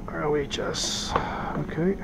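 A man's voice: on the high side, a little slow, gravelly, very noisy. A middle-aged man casually unboxing boat gear in a small office, thinking aloud with lots of fillers, recorded on a head-mounted camera. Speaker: boating vlogger.

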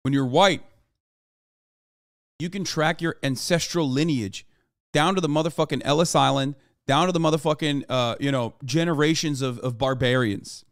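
His voice is a little high, smooth, and moderately paced as this thirtysomething man lectures emphatically, with plenty of profanity, about politics on a livestream. He's indoors in a small room at home, close on a desk mic, in a dry recording.

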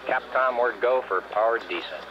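A man's voice: medium pitch, normal speed. A man acting as mission flight director, giving clipped, procedural calls heard over a mission control radio loop. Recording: muffled archival radio audio with hiss.

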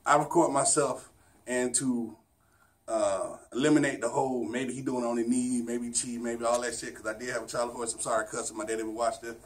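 A man's voice: mid-range voice, fairly even intonation, a little fast. A man in his thirties talking casually and slangily to a camera in a small shop. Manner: informal, slangy. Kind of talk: casual vlog talk to camera. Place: small shop with carpet, indoors. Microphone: camera held by another person, a few feet away. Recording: slightly distant camera mic.

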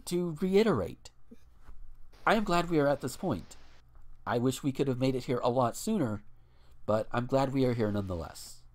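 Male podcast co-host, casual and profane, very animated pitch, reads articles aloud. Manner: blunt and profane, ranting with restarts.

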